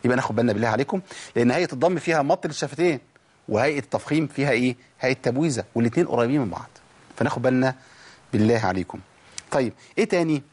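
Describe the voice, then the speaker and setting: A man's voice: medium pitch, animated, a little mellow, slightly rough. Egyptian man teaching Quran pronunciation. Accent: Egyptian Arabic. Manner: explains with rhetorical questions, demonstrates sounds slowly and repeatedly. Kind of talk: tajweed lesson.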